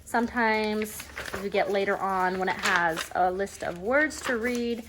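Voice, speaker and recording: Unhurried and medium-pitched, this woman's voice carries a casual review of a reading curriculum from her table at home. She is a homeschooling mom who rambles and frequently says "anyways." The audio has faint background noise and clicks.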